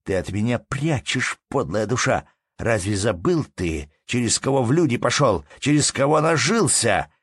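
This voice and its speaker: A man's voice: medium pitch, sing-song, moderate pace, breathy edge, no echo, studio quality, pitched above the performer's own voice. A man voicing a furious middle-aged wife of a village steward who screams accusations and wails at her husband. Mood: scolding. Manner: shrieking, accusing, wailing.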